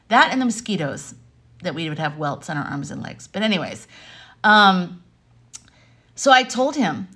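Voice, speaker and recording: Chatting casually to camera from a wooden-beamed room in her home, a vlogger and life coach from Arizona, United States, shares personal stories. She's in her thirties or forties and speaks in a fairly low voice, animated and rambling in a conversational way.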